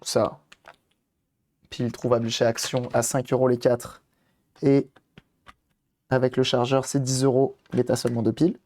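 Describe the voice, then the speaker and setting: A man with a rough, hoarse voice chats loosely with his live audience while he works on a gadget. He thinks out loud, mutters to himself and keeps up a friendly running commentary. His voice sits in an ordinary middle pitch. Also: level tone, moderate pace, long pauses. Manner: chatty, talks to viewers while tinkering, thinks aloud. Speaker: streamer doing electronics modding. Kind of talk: casual live-stream chat while working.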